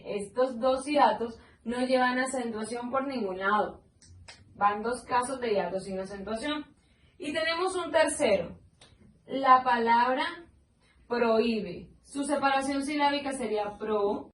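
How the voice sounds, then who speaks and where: A woman teaching a recorded online grammar lesson, walking her class through each point step by step and asking them questions along the way. Her voice sits fairly high and sounds a little distant from the mic. The room is echoey, with a faint hiss underneath.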